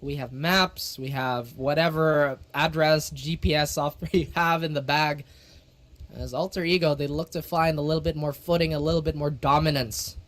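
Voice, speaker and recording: Excitable male esports play-by-play caster. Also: fairly high pitch, normal speed. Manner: excitable, theatrical phrasing. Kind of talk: play-by-play commentary.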